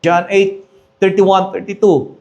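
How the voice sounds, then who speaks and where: A male pastor preaches with firm emphasis. He slows down on key phrases and mixes English into his preaching. His voice sits notably high for a man. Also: little pitch movement, a little mellow, muffled recording. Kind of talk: sermon.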